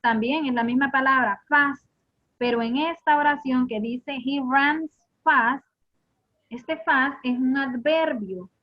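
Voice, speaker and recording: A woman's voice: high-pitched, moderate pace, hardly any pauses. A woman teaching an English grammar lesson, patiently explaining and repeating questions to her students. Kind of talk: classroom lesson. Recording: muffled lo-fi recording.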